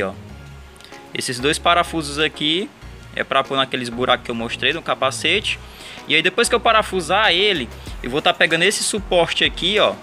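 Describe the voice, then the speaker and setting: A man's voice: a little high, sharp tone. A Brazilian man casually explaining a hands-on setup to viewers, step by step. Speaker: vlogger showing a DIY setup.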